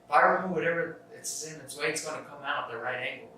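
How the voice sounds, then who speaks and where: Fast and sharp-toned, this young man speaks at a fairly high pitch while hosting an informal self-help podcast. He rambles through ideas with frequent restarts and casual profanity, and the audio is distant and echoey with faint noise.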